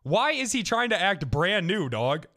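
Lively, bright-voiced ranting man. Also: high voice, measured pace. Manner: heated ranting, heavy swearing. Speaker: streamer. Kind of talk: casual chat.

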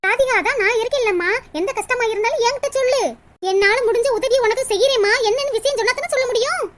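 A woman voicing a scheming, gossipy middle-aged village woman in a cartoon comedy, sweet-talking out loud and plotting in muttered asides. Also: very high-pitched, fast, a little hiss or hum. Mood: coaxing. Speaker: cartoon character voice.

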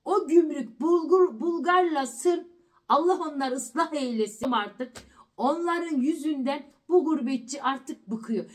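A middle-aged woman with a high voice tells a story to her vlog audience. She talks casually and with animation, and she repeats words to press a point home. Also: measured pace. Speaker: family vlogger.

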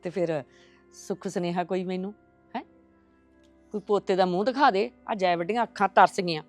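An actress playing a stubborn mother-in-law who wants a grandson, with a loud scolding Punjabi way of talking. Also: lowish voice, moderate pace, soft background music, natural voice. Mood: coaxing. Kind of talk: village family drama acting.

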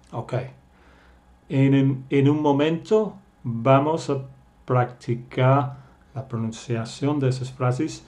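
A man teaching a beginners' English lesson, speaking slowly and carefully and repeating each phrase so learners can copy it. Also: medium pitch, mellow. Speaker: language teacher.

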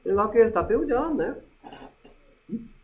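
A man teaching English in a classroom, slowly repeating English phrases after Korean prompts. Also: high-pitched, lively intonation, a little hiss or hum. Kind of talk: classroom drill lesson.

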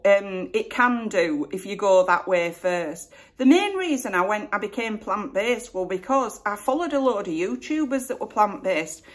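Sitting at home with flowers behind her, a woman in her forties from Northern England answers viewer questions in a relaxed chat to camera. Her West Yorkshire accent comes through in a medium-pitched voice, and the YouTuber keeps things self-deprecating and chatty, full of "you know."

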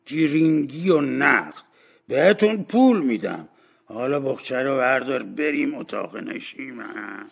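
A man's voice: mid-range voice, sing-song, vocal fry, slightly rough, pitched above the performer's own voice, full character voice. A man voicing a greedy old junk dealer of about seventy, drawing his words out in a wheedling way. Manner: wheedling, drawn-out.

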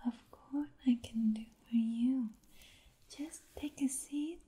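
A young woman playing a gentle Vietnamese princess in a whispered role-play, speaking in a soft, breathy whisper with a Vietnamese accent and short, soothing, attentive phrases. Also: on the high side, takes it slowly. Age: young adult.

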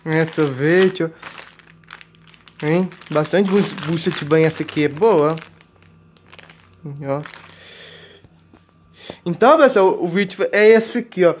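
Slow and prone to frequent pauses, a slightly high-voiced Brazilian teen in his late teens chats about groceries for his vlog. The kitchen setting is filled with the clear crinkle of plastic bags as he repeats himself and points things out with filler tags.

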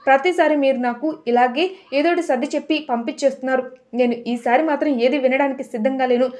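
A woman's voice: sits high, fairly quick, warm tone, close to an everyday voice. A woman voicing a defiant little boy. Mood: stubborn, defiant. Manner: insistent, defiant. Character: stubborn angry little boy.

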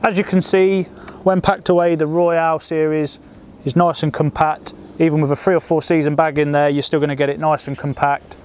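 A young man presenting fishing gear outdoors, explaining its features in a steady, scripted way. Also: fairly high pitch, a little fast, slight background noise. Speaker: product presenter. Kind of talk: scripted product demo. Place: outdoors by a lake among trees.

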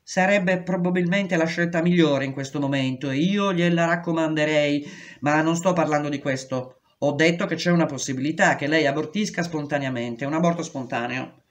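A woman's voice: sits low, moderate pace, close to an everyday voice. A woman reading aloud, voicing a dismissive male prison doctor with curt, evasive replies. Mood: cold. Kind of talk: audiobook reading.

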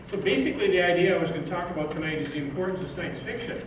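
Speaking very fast, an older magazine editor gives an informal live talk from notes on an indoor theatre stage, rambling a little as he goes. His voice sits on the higher side. A distant camera captures his stand-mounted stage mic, leaving the sound very echoey and roomy, with clear background noise.

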